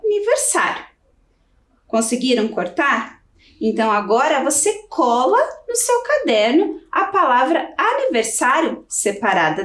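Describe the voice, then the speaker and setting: A Brazilian woman teaching a children's video lesson, giving patient step-by-step instructions. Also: a little high. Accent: Brazilian Portuguese. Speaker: primary school teacher. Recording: roomy, from off the mic.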